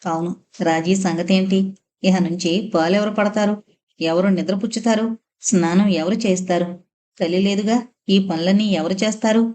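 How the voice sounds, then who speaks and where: Female audiobook narrator, mid pitch, emotional first-person novel reading. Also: steady tone, moderate pace, a little mellow.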